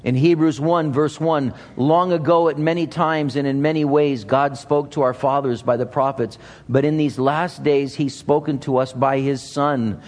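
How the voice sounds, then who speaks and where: A man's voice: on the high side, steady tone, moderate pace, few pauses, darkish tone. A man preaching a sermon as a pastor, speaking earnestly and repeating phrases for emphasis. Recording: reverberant large hall.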